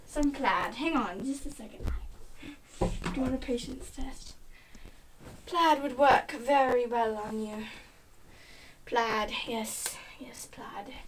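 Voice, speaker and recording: A woman's voice: high voice, slow, pauses often, background noise. A woman playfully fussing over a friend in a home video challenge, teasing and giggly.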